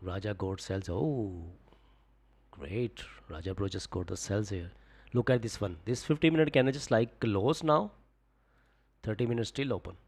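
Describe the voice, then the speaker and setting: A young forex trading streamer with a low-ish, breathy voice talks at a moderate pace on a live stream. He's relaxed, discusses trades, reads viewer comments and coaches viewers, leaning constantly on "just, like" fillers.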